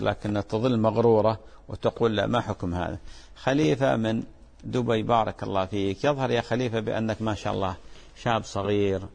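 A man hosting a religious advice show, answering viewers' questions in a gentle, fatherly way with frequent blessings. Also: on the low side, vocal fry.

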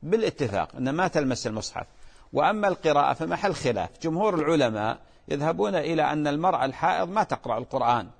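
A man's voice: on the high side, big pitch swings, very fast, vocal fry, slightly rough, long reverb tail. A man, a religious scholar patiently answering callers' questions on a call-in show. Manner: patient, reassuring, explanatory.

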